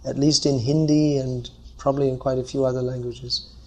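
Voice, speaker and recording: A man's voice: medium pitch, little pitch movement, moderate pace, mellow. A man leading a scripture class, answering audience questions and explaining by thinking aloud.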